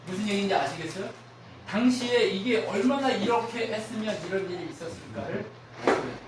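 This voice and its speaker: A man preaches with a high, lively voice, quizzing the congregation and acting out the words of people he quotes. The sound is distant, and it echoes heavily around a church hall. Steady noise sits underneath. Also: a little fast. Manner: asks the congregation frequent questions, acts out quoted voices. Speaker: pastor. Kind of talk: sermon. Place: church sanctuary.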